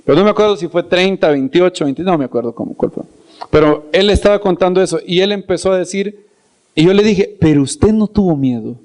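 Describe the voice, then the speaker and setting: Animated storytelling preacher, a man. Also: high voice, a little fast. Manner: animated, acts out scenes and voices; repeats words for emphasis. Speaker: preacher and Bible teacher. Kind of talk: storytelling sermon.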